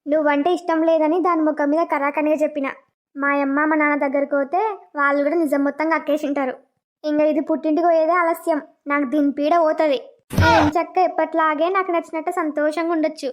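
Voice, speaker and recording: A woman voicing a scheming, resentful young village husband in a cartoon, with a high, sulky put-on voice. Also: little pitch movement, fast, lightly acted. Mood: scornful.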